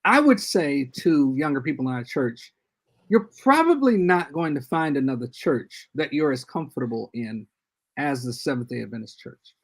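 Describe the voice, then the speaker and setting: An older guest church leader speaks expressively in a mid-range voice, giving earnest, measured advice. The casual podcast conversation takes place over a video call.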